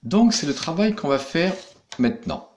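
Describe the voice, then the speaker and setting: A man's voice: on the high side, very animated, moderate pace, a little mellow, slight background noise. A man teaching young pupils in a recorded lesson, patiently explaining each step. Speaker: primary school teacher.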